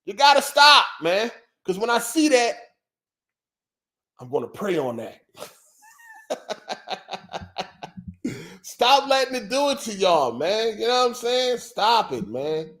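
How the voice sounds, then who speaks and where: A man's voice: high-pitched, very animated, slow pace, pauses often, pushed and bright. A man hosting a casual podcast livestream, talking loosely and profanely and repeating himself for effect. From Philadelphia. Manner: loose, profane, repetitive banter. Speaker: podcast host.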